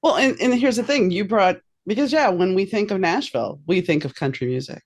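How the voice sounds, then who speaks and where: Woman host from New Orleans, chatty, long winding questions, mid pitch. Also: animated, brisk. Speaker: podcast host. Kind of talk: casual interview chat.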